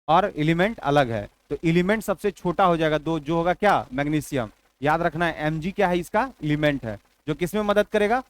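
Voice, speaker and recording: A man's voice: high-pitched, no room sound. A male teacher giving an exam-prep biology lecture, repeating key points and dictating notes, asking and answering his own questions.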